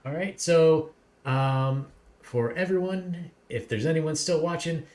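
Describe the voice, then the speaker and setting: A man's voice: a little high, slow pace. A man hosting a casual livestream interview, chatting loosely and plugging upcoming shows. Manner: relaxed, chatty, plugs upcoming streams. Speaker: host.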